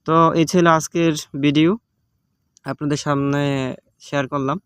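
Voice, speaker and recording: Casual Bangladeshi-accented male tutorial host, patient and repetitive, fairly high pitch, dry sound. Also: steady tone, measured pace, clean tone, no room sound. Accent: Bangladeshi Bengali. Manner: patient, repetitive step-by-step explaining with many fillers. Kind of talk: casual screen-recorded app tutorial. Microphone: phone recording.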